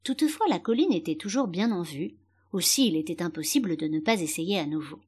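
A woman reading a children's storybook aloud with expressive, animated narration. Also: lowish voice, a little fast, breathy edge.

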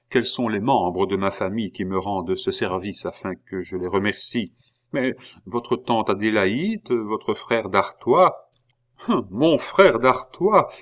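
A man voicing a calm, ironic king in an audiobook reading, humming and drawling before his lines. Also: on the low side. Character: King Louis XVI, calm, dry, ironic middle-aged man.

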